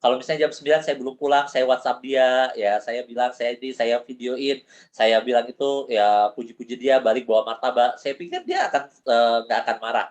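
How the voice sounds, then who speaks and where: A man's voice: medium pitch, expressive, fairly quick, pitched below the performer's own voice, natural voice. A man voicing a confused male downline seller who pleads earnestly for advice about his wife.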